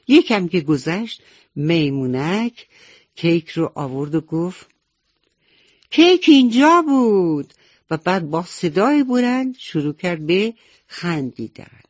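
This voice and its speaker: A woman telling children's bedtime stories on the radio, gently and tenderly, speaking directly to the children. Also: on the low side, no echo. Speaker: bedtime storyteller. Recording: dull lo-fi radio recording with faint music.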